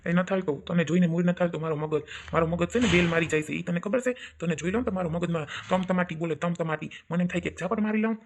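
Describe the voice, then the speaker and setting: A man's voice: high voice, fast talker, hardly any pauses, noisy background. A man plays a stubborn, hot-headed village husband in a comedy sketch, answering back with blustering, defiant retorts. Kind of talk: comic village sketch acting.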